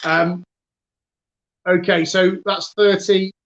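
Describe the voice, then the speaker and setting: A man's voice: high-pitched, little pitch movement, takes it slowly, fairly bright tone, lo-fi sound. A man with a Northern English accent hosting a casual online quiz, chatty and self-mocking, with lots of fillers. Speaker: quiz host.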